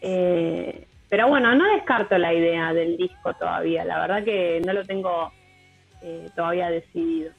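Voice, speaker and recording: A woman in her thirties with an Argentine accent, a musician guest talking in a relaxed, hesitant way with many fillers. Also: lowish voice, normal speed, creaky. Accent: Argentine Rioplatense. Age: 30s. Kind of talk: casual radio interview. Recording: tinny phone line with music bed.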